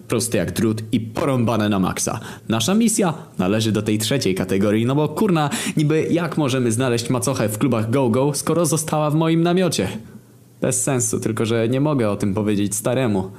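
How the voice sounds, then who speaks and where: A man's voice: medium pitch, animated, moderate pace, darkish tone. A man reading a comic story aloud, with sardonic asides and exaggerated turns.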